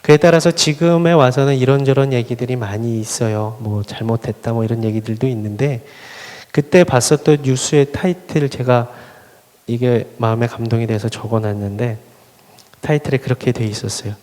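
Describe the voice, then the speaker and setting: Man, pastor, sermon, earnest storytelling, impassioned swells, medium-pitched voice, long church-hall reverb. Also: normal speed, darkish tone. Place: church sanctuary at a Friday worship service.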